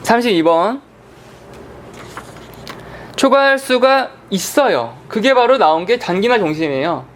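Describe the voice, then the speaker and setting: A man's voice: high-pitched, expressive, unhurried, pauses often, a bit bright, a little hiss or hum. A man teaching an online insurance exam prep lecture, casually asking and answering his own questions.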